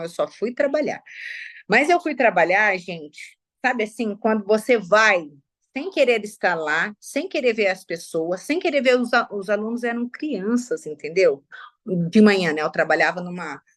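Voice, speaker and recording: A middle-aged woman from Brazil speaks, telling her own story to a live audience. Her voice sits at a middle pitch, and she talks in a confiding, emotional way, often turning to her listeners directly. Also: a bit bright. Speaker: speaker sharing personal testimony. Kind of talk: personal testimony to a live audience.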